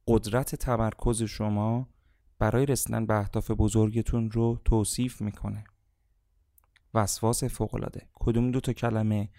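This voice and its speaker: A man's voice: fairly low pitch, no room sound, studio quality. Emphatic man drilling repeated questions. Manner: emphatic, repetitive call-and-response questioning; sudden sharp raised outbursts. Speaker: motivational coach. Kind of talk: motivational audio lesson.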